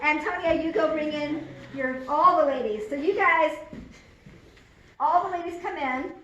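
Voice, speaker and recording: A woman's voice: sits high, a little slow, lo-fi sound, background noise. A woman directing a first rehearsal, talking her cast through scenes in a chatty way and playfully quoting lines. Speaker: drama director. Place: large echoey rehearsal room. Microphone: far room recorder. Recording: echoey room from far off, chattering students.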